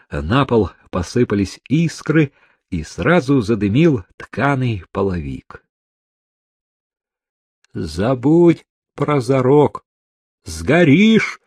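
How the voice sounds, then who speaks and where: A man reading an adventure novel aloud as an audiobook narrator, dramatic and expressive, voicing the characters' cries with a raised voice. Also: mid-range voice, measured pace, husky, no echo, clean studio sound.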